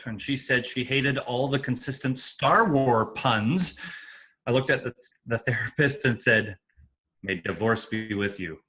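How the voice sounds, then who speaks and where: Bright-voiced man telling dad jokes. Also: mid-range voice.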